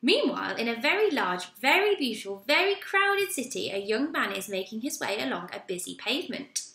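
A woman reads a children's storybook aloud in a lively, expressive way. Her voice is fairly high and bright. The recording has a roomy echo around it. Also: brisk, gravelly.

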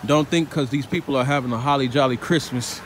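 A man from Chicago, United States, films a walking vlog on a phone held in his hand as he moves along a city sidewalk. In a mid-range voice he speaks in a preachy, slangy way, repeatedly pausing to check in with "all right?" and "man." Faint traffic and street ambience sit in the background.

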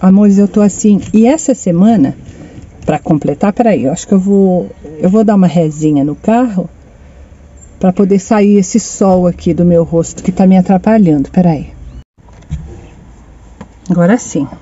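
A woman's voice: on the low side, normal speed, pauses often, dark tone, slightly rough, lo-fi sound. A middle-aged woman telling a personal story to her phone camera from inside a parked car, chatty and repeating her phrases as she fondly addresses her viewers. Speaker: vlogger.

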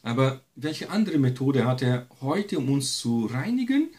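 A man's voice: medium pitch, sing-song, a little slow, a little mellow. A man giving a Bible lesson, emphatic and repetitive, often adding a questioning tag to his sentences. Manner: emphatic, repeats key phrases, frequent tag "ne". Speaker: Bible teacher.

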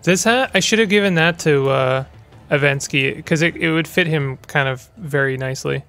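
A man's voice: on the high side, normal speed, bright, forceful tone, faint music behind. A man hosting a gaming channel, giving rambling, chatty let's play commentary with stumbling restarts.

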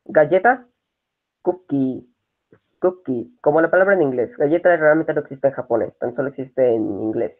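A man teaching a live-streamed language lesson, repeating each word and spelling it out letter by letter. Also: fairly high pitch. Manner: slow, spells words out letter by letter. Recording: tinny phone-like sound.

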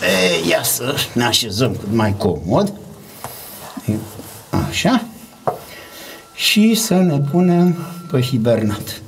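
A man's voice: medium pitch, big pitch swings, slow, pauses often. A man from Romania, a native Romanian speaker, chatting casually while exploring a cramped cave. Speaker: caver. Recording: noisy, echoey cave location sound.

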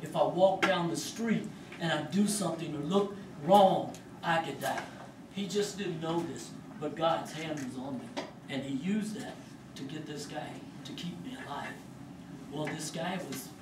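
Man, higher voice, storytelling testimony in a roomy hall, mic far off. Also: a little slow, background noise. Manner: animated storyteller, acts out voices, laughs. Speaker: speaker sharing his life story. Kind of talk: personal testimony to an audience.

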